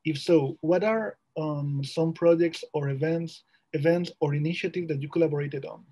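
A man moderating an online roundtable over a video call, speaking politely and haltingly as he reads out audience questions. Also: fairly high pitch, mellow, low-quality recording. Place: small room indoors.

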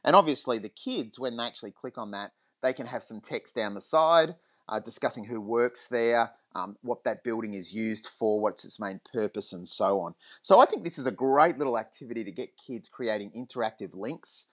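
A man talking through a screen-recorded teaching tutorial in a relaxed, rambling way. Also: mid-range voice, moderate pace. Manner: relaxed, lots of ums and restarts.

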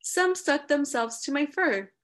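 A woman reading aloud as a fussy storybook badger who wants everything in perfect rows, earnest and exact. The voice sits a little high and moves at an unhurried pace. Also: lively intonation, a bit bright. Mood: eager. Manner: earnest, careful, particular about order.

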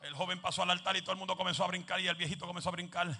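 Gravelly high-voiced fervent evangelist man. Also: flat delivery, rapid-fire. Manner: fervent, mixes in English phrases; shouted repeated refrains. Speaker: evangelist preacher. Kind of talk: fiery Pentecostal sermon.

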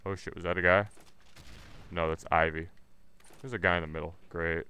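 A man's voice: low-pitched, fairly even intonation, moderate pace, pushed and bright, clean tone. A man giving live gameplay commentary, ranting and swearing with irritation as he plays. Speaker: gaming channel host.

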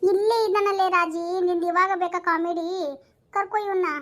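A performer voicing a forgetful, easily frightened father in a comedy cartoon dub, talking in a fussy, excitable way. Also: very high voice, brisk. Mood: flustered. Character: forgetful cartoon father who fears ghosts.

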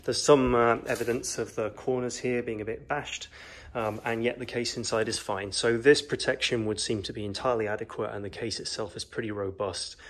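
Brisk, with a steady tone and medium pitch, this New Zealander reviews a product casually and ramblingly, peppering his talk with ums and uhs. He's at home in his gaming room, captured on a phone camera that's off screen.

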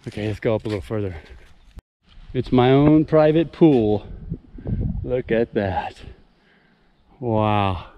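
Hiking on foot through a rocky wooded canyon, a vlogger films and talks to himself in short, exclamatory bursts of off-the-cuff narration. His medium-pitched voice moves slowly, with long pauses. The audio is muffled, with clear handling and nature noise.

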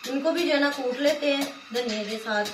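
A high-pitched Pakistani woman with a Pakistani Urdu accent talks at a normal speed over loud music. A village vlogger, she sits on a floor mat in a small room at home, casually explaining her cooking step by step and repeating "jo hai na." The room is echoey with clear background noise.

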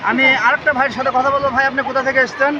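A man's voice: very high voice, level tone, rapid-fire, lo-fi sound. A man with a Bangladeshi accent reporting live on location and interviewing people, addressing viewers formally and wordily. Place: outdoors on a busy sea beach. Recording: noisy outdoor beach, crowd, distant mic. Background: loud surf and crowd.

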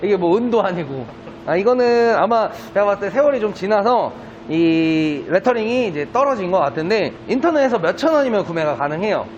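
High-voiced male used car salesman pitching. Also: lively intonation, a little fast, darkish tone. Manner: salesman's polite, persuasive pitch. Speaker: used car dealer presenting a car. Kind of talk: car sales walkaround, spoken to camera. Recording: dull lo-fi sound, faint background noise.

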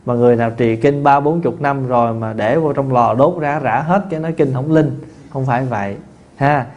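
A man, a Buddhist monk teacher giving a dharma talk in a folksy, conversational way, with many fillers and restarts and lively anecdotes. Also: mid-range voice, fairly quick, dull audio. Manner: tells lively anecdotes with laughter. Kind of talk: dharma talk answering questions.

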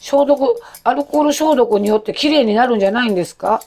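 A woman in her forties with a Kansai accent and a loud, rough-throated voice, chatting in a rambling, self-deprecating way while she cooks. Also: a little high, fast. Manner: chatty, self-deprecating, jumps between topics. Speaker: cooking vlogger. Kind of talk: casual chat while cooking.

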